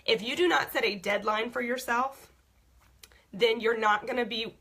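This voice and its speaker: A young woman, a frank team leader teaching goal-setting in casual talk. She often checks in with "okay?" and her voice is going hoarse. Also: a little high, normal speed, fairly bright tone.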